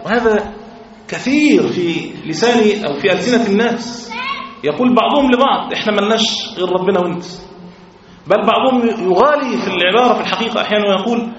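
High-voiced Egyptian sheikh teaching, distant and roomy. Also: male voice, animated, fast, background noise. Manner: explanatory, rises to emphatic stress. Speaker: sheikh teaching a creed book. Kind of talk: religious lesson. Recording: roomy, distant, dull lo-fi recording.

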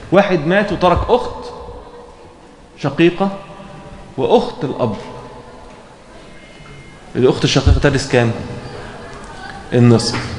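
In a lesson on a religious law text, an Egyptian man with a slightly high voice reads passages and then explains them, often stopping to check students' understanding. The recording has a roomy echo, faint background ambience, and slight noise.

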